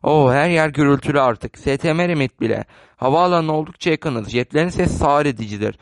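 A polite, chatty elderly spinster, kindly on the surface but sharp underneath, read aloud by a man. The voice sits a touch high with a dry, close sound and no room around it. A storybook reading paced calmly. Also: a little fast, dry recording. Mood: gentle. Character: elderly English spinster woman, gentle and shrewd.

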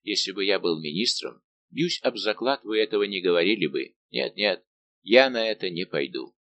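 A man reading aloud voicing a calm, dignified older nobleman. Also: low voice, gravelly, dull audio, heavily acted. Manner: measured, dignified, gently refusing.

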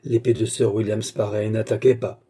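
A man narrating a classic novel aloud in a steady, measured way. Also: lowish voice, slightly rough. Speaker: audiobook narrator.

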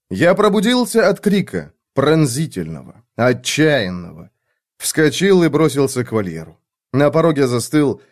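A man reading a first-person story aloud in measured, dramatic storytelling narration. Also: mid-range voice, a little mellow. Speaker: audiobook narrator.

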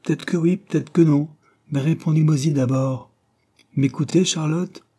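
A fuming, gossipy landlady, her voice pushed up high and loud, husky and mellow underneath, as a male audiobook reader puts her on. she rattles off grievances in breathless, indignant bursts. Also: steady tone, a little slow. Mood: indignant gossip. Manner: indignant, scolding, breathless storytelling. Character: angry gossiping working-class older landlady.

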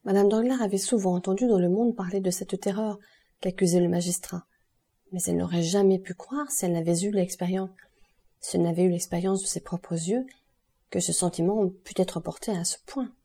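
A woman narrating a classic novel as an audiobook reader, with a steady, measured reading. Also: on the low side, slightly rough.

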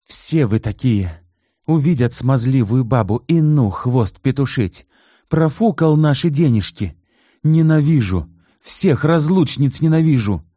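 A man's voice: mid-range voice, very animated, measured pace, mellow, breathy edge, dry recording, studio quality, voice pushed up. A man voicing a crude, bitter wife ranting at her husband in an audiobook reading. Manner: scornful, ranting.

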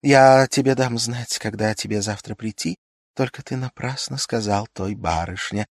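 A man's voice: normal speed, no room sound, studio quality, close to an everyday voice. A man reading an audiobook, voicing a young, passionate and nervous noblewoman who pleads dramatically. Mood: coquettish. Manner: dramatic, pleading, high-strung.

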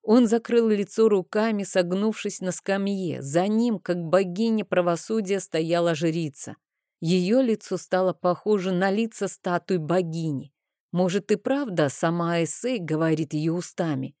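A woman narrates a fantasy audiobook in the first person on a close mic. Her voice is lowish and mellow, and the sound is dry with no room. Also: measured pace, dry recording.

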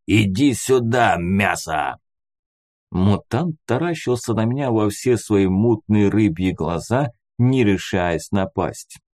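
A man's voice: on the low side, dark tone, no room sound, studio quality. A man narrating a first-person adventure story as an audiobook reader. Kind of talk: scripted narration.

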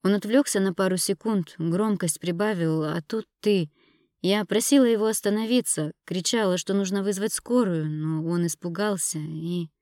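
A woman's voice: medium pitch, normal speed, a little mellow, no room sound, studio quality, close to an everyday voice. A woman reading an audiobook, voicing a spiteful, scornful young woman who mocks and accuses her rival. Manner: mocking, accusing. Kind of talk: audiobook character voice.

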